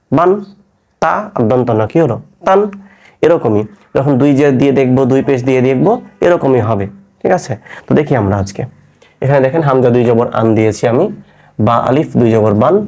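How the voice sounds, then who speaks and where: A man's voice: mid-range voice, a little mellow. A man teaching an online Quran reading class, patiently repeating each letter drill and answering his own questions. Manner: asks students questions and answers them himself. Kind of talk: online lesson.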